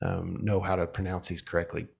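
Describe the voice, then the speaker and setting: A man's voice: low-pitched, level tone, brisk, vocal fry, slightly rough. A man from Texas with a Texan accent, chatting as a podcast guest in a rambling, self-deprecating way with many fillers. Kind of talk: casual chat.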